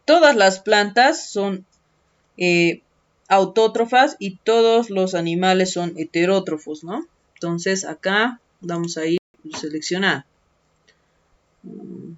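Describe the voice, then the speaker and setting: In an online lesson, a woman teacher with a lowish voice patiently takes students step by step through textbook activities at a measured pace. She often tacks on a questioning tag and stretches out key words as she writes them, and the screen-recording audio is dull and lo-fi.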